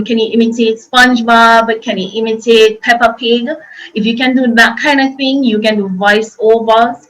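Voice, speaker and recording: Bright-voiced woman giving a chatty workshop. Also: on the high side, poor audio. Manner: chatty, explanatory, loose and repetitive phrasing. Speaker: workshop presenter. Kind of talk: informal online workshop talk.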